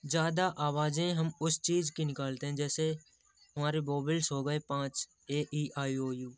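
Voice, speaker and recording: Male tutor, slow, patient, crisp dry close voice. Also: fairly high pitch, flat delivery, no echo. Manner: slow, explains patiently, repeats examples. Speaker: teacher. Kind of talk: teaching English pronunciation in Hindi.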